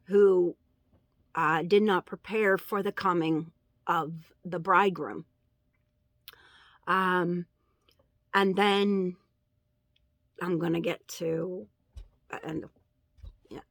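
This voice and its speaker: A woman recounting a dream in a casual religious testimony, halting and earnest, with many fillers and pauses. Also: lowish voice, a bit bright, no room sound, studio quality. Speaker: vlogger sharing a dream.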